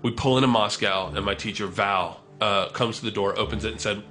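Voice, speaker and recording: Bright-voiced man telling a profane comic story. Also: fairly low pitch, a little fast. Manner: profane, animated, acts out quotes.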